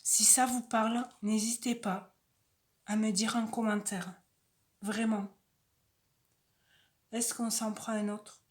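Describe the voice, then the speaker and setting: Slow, soft-spoken woman. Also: a little high, little pitch movement, a little hiss or hum. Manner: slow, soft-spoken, reads cards aloud with chatty asides. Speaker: oracle card reader. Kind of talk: casual oracle card reading.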